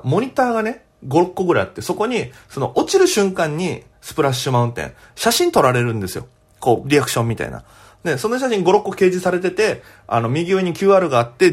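Husky young man, fast animated storytelling. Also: fairly high pitch. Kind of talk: solo storytelling podcast.

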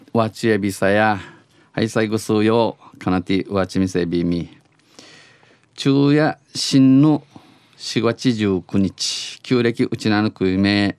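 A man's voice: lowish voice, darkish tone, clear, resonant tone, no echo. A man with an Okinawan accent reading news phrase by phrase, alternating standard Japanese with Okinawan dialect and often restating lines. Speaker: news reader on a dialect news segment.

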